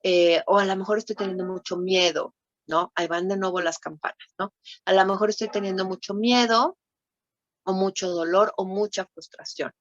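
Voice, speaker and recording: A woman lecturer with a Mexican accent teaches at a conference, ending her points with little checking questions. The sound is dull and lo-fi, in a dry room with no echo. Her pitch sits in a middle range. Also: fairly even intonation, normal speed. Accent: Mexican Spanish. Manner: warm teaching tone with frequent tag questions. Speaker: thanatology lecturer. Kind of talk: conference talk.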